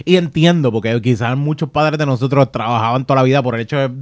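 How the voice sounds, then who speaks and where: A young man hosting a podcast in casual chat, telling stories with lively, slangy speech and easy swearing. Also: mid-range voice, quick pace, no room sound, studio quality. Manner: animated storyteller, slangy and swearing freely. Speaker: podcast host.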